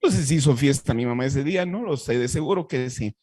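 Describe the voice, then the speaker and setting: Husky-voiced Bolivian pastor. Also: male voice, medium pitch, fast, darkish tone, dry recording. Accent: Bolivian Spanish. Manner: earnest, heartfelt storytelling with frequent restarts. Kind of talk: personal faith testimony.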